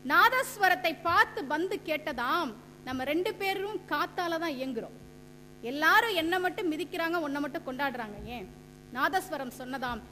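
A woman's voice: high voice, sharp tone. A woman giving a stage debate speech, quoting scripture and poetry and acting out anecdotes. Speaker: debate speaker. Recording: echoey hall with faint hum.

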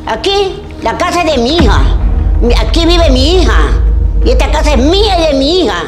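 A woman's voice: high voice, animated, normal speed, reverberant. An actress playing a stern, possessive mother-in-law who scolds and accuses in a melodramatic web drama, with music playing behind her. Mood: indignant. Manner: scolding, indignant.

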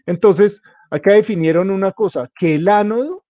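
A man's voice: high voice, moderate pace, no echo, muffled recording. A male teacher giving an informal class, who repeats his points, jokes around and keeps asking the students whether they follow. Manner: keeps checking in with the class, jokey and repetitive.

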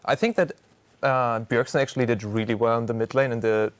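A man on an esports analyst desk reviewing the game, pausing with fillers as he goes. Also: medium pitch, fairly even intonation, dry recording.

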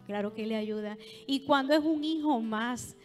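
A woman preaching a sermon with a Puerto Rican accent, fervent, moving between loud calls and soft asides. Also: a little high, moderate pace. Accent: Puerto Rican Spanish. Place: large hall at a church convention. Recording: long hall reverb with faint music.

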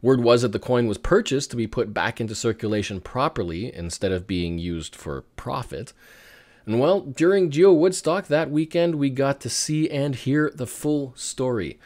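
A man hosting a hobby podcast, chatting in a relaxed, rambling way with filler words and small chuckles. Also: medium pitch, moderate pace, no echo, studio quality. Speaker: podcast host. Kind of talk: casual podcast chat.

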